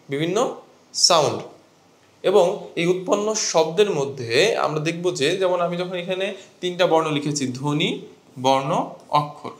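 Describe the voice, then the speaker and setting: Guy teaching grammar to students, kinda high voice, echoey room, keeps asking questions. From Bangladesh. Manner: explains step by step, asks students questions.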